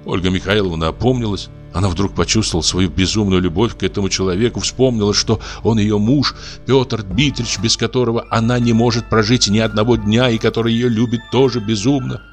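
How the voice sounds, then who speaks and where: A man narrating a literary story in a measured, expressive reading. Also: fairly low pitch, soft background music. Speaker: audiobook narrator.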